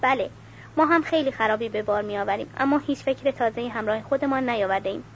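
A woman's voice: a little high, muffled recording, slight background noise, natural voice. A woman reading the lines of a melancholy aristocratic army captain, weary and refined.

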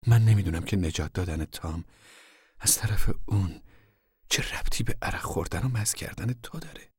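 A man voicing a calm, serious middle-aged mother who speaks softly and earnestly. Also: sits low, slightly rough, dry recording, studio quality. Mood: quiet. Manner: soft, quiet and earnest.

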